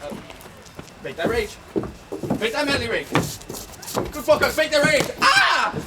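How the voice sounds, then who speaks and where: A man playing a blustering comic soldier in exaggerated, drawn-out Shakespearean olde speech on stage. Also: very high voice, huge pitch swings, heavily acted. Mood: pleading. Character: blustering, pleading comic old-time soldier. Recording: distant, very noisy outdoor stage recording.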